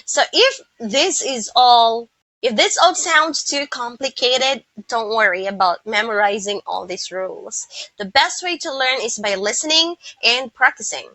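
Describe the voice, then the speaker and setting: A woman English teacher giving an online pronunciation lesson, explaining slowly and carefully with some restarts. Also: fairly high pitch, lively intonation, bright, forceful tone, no room sound, poor audio.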